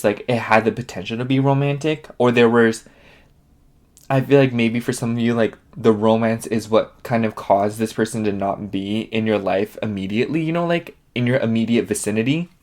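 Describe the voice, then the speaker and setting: A tarot reader with a lowish, darkish voice does a laid-back reading, his speech sniffly and nasal. He talks in a chatty, meandering way, packed with fillers.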